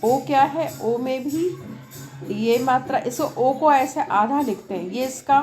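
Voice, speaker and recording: Slow, loud woman teacher over background music. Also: high voice. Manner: talks loudly over outside noise; keeps checking with the class, asking "right?". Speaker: English teacher. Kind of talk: classroom lesson at a board, Hindi mixed with English. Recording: loud music and noise from a nearby event behind her. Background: music from a nearby program.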